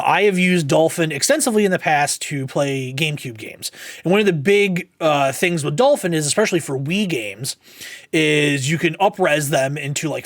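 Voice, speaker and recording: Young guy chatting about game news, kinda high voice, dry close sound, lots of ums. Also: dry recording. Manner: rambling, frequent fillers and restarts. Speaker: podcast host. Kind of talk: casual gaming news commentary.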